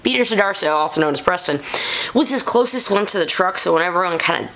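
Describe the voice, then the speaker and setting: A woman hosting her own vlog, reviewing a show episode in a casual, excitable way with gushing bursts of enthusiasm. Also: on the low side, fast talker, slight background noise. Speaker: YouTube show host and reviewer. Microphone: camera-mounted shotgun microphone.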